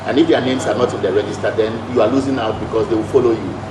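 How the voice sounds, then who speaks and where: A man's voice: lowish voice, steady tone, very fast, background noise. A man interviewing a guest, asking long, wordy questions with restarts.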